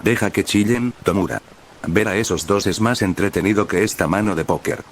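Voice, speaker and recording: Man doing a smug laid-back young male villain, calm teasing delivery, low register. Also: a little fast, slight background noise. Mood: amused.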